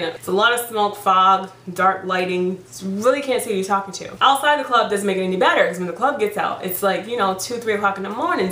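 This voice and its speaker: A young adult woman giving frank dating advice in a casual vlog, chatty and quick to laugh. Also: medium pitch, a bit bright. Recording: roomy, distant mic.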